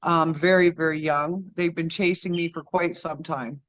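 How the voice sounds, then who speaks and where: A woman's voice: deep voice, fairly even intonation, moderate pace. A woman who works as a medium, telling stories in a podcast interview in a rambling way with many filler sounds. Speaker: guest, medium and energy healer. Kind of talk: storytelling in an interview. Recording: dull lo-fi audio.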